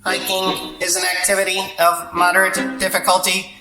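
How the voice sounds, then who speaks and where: Woman as a flat-toned pedantic cartoon robot. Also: on the low side, normal speed, echoey room, big-room sound, music in the background, natural voice, low-quality recording. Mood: matter-of-fact. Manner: deadpan, precise, formal. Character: pedantic, literal-minded know-it-all robot companion. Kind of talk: children's cartoon dialogue.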